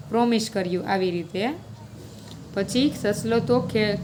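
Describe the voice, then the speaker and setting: A woman's voice: mid-range voice, slight background noise. Patient woman teaching young children. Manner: patient, explains each answer step by step. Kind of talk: reading a children's story and going over workbook questions.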